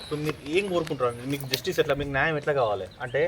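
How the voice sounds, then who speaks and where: A man's voice: medium pitch, rapid-fire. A man with a Telangana Telugu accent interviewing a grieving family, nodding along and pressing with questions. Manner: affirming, then pressing questions. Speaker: interviewer, vlogger. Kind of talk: outdoor interview. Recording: crowd noise outdoors.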